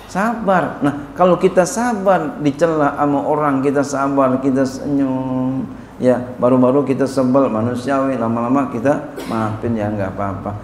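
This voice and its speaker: A man's voice: medium pitch, moderate pace. Kiai guy lecturing, slangy and jokey, big hall echo, faint hum behind. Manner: colloquial, joking, swings from loud exclamations to soft asides. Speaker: Islamic cleric teaching a classical text. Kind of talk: religious study lecture. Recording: roomy long reverb, faint hum.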